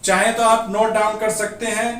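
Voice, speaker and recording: A man teaching a grammar class for exam preparation, explaining each point step by step and pausing so students can note it down. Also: high-pitched, little pitch movement, a bit bright. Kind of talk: exam-prep grammar lesson. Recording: echoey room, voice from a distance off the mic.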